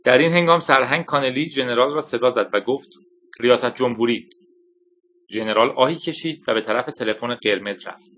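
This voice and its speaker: Male narrator, audiobook, steady measured reading, bright tone, mid pitch.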